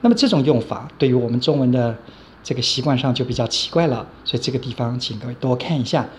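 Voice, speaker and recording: An English teacher gives a grammar lecture at a quick pace, his male voice steady and mid-pitched. He says each example twice and spells out the letters, with a faint hiss of noise underneath.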